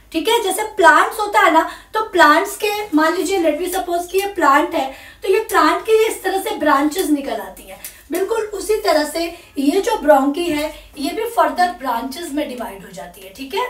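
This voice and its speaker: A woman's voice: sits high, reverberant, distant mic. A woman teaching a science lesson as she draws a diagram, often calling her viewers "my children" and checking that they follow. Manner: addresses viewers as "my children", checks understanding with "okay?". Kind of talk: classroom lesson while drawing a diagram.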